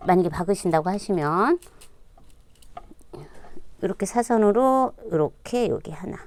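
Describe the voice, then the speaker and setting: A middle-aged woman teaching a sewing class, talking casually as she demonstrates each step and dropping to a quiet murmur while she stitches. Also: on the high side, clear, resonant tone. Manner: demonstrative, repeats "like this" while working. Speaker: sewing instructor. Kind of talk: casual hands-on sewing tutorial. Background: sewing machine running.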